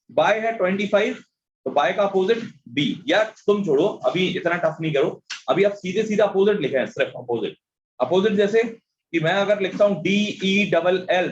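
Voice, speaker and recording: A man's voice: high voice, dull audio, slight background noise. A man teaching an online reasoning class, spelling out letters one by one and scolding students who make mistakes. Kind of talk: online class teaching, mixing Hindi and English.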